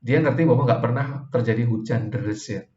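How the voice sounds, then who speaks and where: A man with an Indonesian accent giving a recorded university lecture, explaining at a relaxed pace and often tagging his sentences with short checks. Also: medium pitch. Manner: relaxed, drawn-out explanations with frequent "oke" and "ya" tags. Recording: roomy, dull lo-fi sound.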